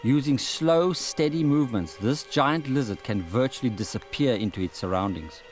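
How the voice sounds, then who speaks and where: Male documentary narrator, mid-pitched, measured scripted read over loud background music. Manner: measured, reflective first-person narration.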